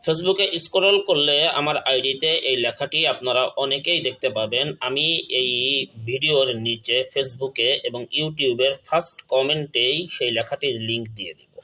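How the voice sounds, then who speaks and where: On his online channel, a man gives an earnest political talk straight to camera in a mid-range, sharp voice at a moderate pace. He occasionally stumbles, restarts, and stammers, stressing each example he lists, and the recording is rough.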